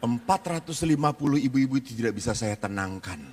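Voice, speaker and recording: Animated preacher man in a reverberant hall. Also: mid-range voice, a little fast, a little hiss or hum. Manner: animated, acts out children's and mothers' voices. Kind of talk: lively sermon to a live audience. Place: large hall with an audience.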